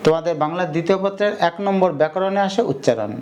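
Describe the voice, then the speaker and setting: A young man teaching an online grammar lesson, explaining step by step and saying example words again slowly. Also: high-pitched, darkish tone, slight background noise. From Bangladesh.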